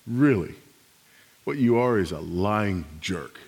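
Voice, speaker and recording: A man's voice: lowish voice, expressive, moderate pace, big-room sound, slight background noise. A man preaching a sermon as pastor, emphatic, repeating his key phrases.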